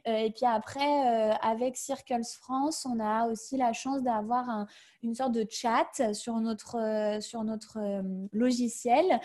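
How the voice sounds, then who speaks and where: A woman's voice: a little high, steady tone, takes it slowly, dark tone. Hesitant woman on a video call. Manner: hesitant, many fillers and restarts. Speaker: webinar guest sharing her career change. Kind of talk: casual webinar answers.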